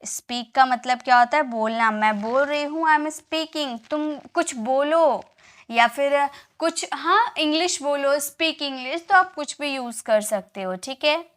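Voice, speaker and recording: Woman, English teacher, high bright voice, spells words and answers her own questions. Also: unhurried. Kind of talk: spoken English lesson.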